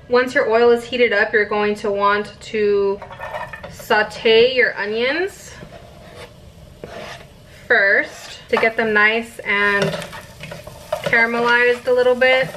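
A woman's voice: on the high side, slow pace, pauses often, fairly bright tone, slight background noise, low-quality recording. A young woman in her twenties chatting casually through a home cooking vlog, laid-back and giggly. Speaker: vlogger. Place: home kitchen. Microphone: camera set in the microwave.

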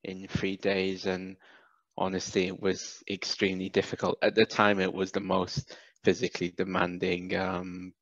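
His voice sitting low with vocal fry, the Welsh-raised British man in his thirties chats as a guest about his cap business. Speaking on a headset in an indoor video call, he's relaxed yet halting, with many fillers and restarts, in dull, dry audio lacking room sound.

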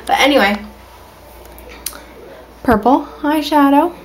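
A woman with a high-sitting voice chats slowly in a casual vlog from indoors at home, rambling with plenty of ums and restarts. She has the hiccups, and the recording quality is low.

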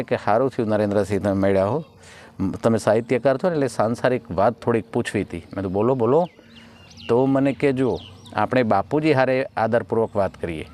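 A man's voice: mid-range voice, a little mellow. A man, a folk comedian chatting through jokes and acting out each character's lines. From Gujarat. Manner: chatty joke-telling with acted dialogue. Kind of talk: Gujarati folk humor storytelling.

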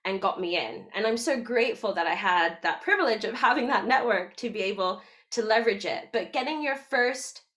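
A woman's voice: medium pitch, expressive, fairly quick, fairly bright tone. A young adult woman moderating an online panel over a video call, upbeat and chatty, often laughing. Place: home room, indoors.

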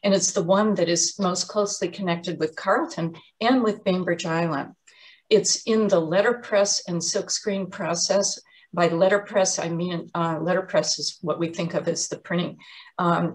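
A woman art lecturer gives an explanatory museum talk on artist's books in a lowish voice. She speaks in a measured way, often pausing with um and uh.

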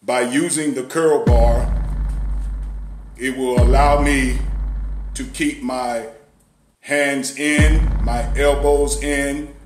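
A man doing a deadpan, mock-solemn action-hero parody, speaking in clipped, robotic phrases. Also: medium pitch, extremely slow, pauses often, very noisy. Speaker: comedic fitness vlogger. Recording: roomy echo with loud music.

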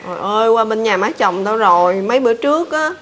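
Weary southern Vietnamese young wife, highish voice. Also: female voice, expressive, fast, a bit bright, slight background noise. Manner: plaintive. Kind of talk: TV comedy skit acting. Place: sparse tiled room.

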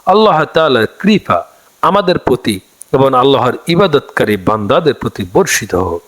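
A man teaching prayer recitations, reciting each line slowly and deliberately before explaining it. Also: mid-range voice, big pitch swings, fairly bright tone. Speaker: religious teacher. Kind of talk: instructional religious lesson.

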